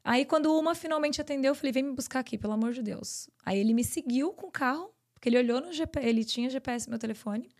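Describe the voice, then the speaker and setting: A Brazilian woman, a podcast guest, telling her personal story in an earnest, rapid flow. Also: high-pitched. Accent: Brazilian Portuguese. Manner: earnest, tells events in long rapid runs.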